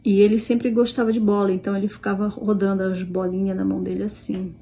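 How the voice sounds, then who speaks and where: She talks quickly and flatly in a dark, mid-range voice. A middle-aged mother and vlogger from Brazil with a Brazilian Portuguese accent, she retells a conversation informally, quoting what was said and restarting frequently.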